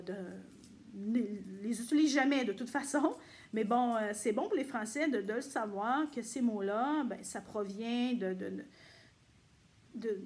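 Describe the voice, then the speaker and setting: A woman from Quebec with a Québécois French accent, explaining casually to camera in a chatty way with frequent pauses. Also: mid-range voice. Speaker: vlogger.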